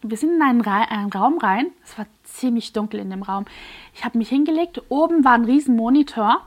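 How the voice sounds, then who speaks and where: A woman guest on a podcast telling a personal story in an earnest, emotionally charged way, halting with fillers and restarts. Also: a little high, expressive.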